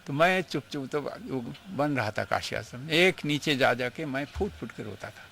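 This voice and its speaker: A man's voice: medium pitch, lively intonation, moderate pace, vocal fry, fairly bright tone, a little hiss or hum. Earnest older man reminiscing. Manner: emotional, earnest storytelling, mixing in English phrases. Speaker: swami recalling his guru. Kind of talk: reminiscing interview.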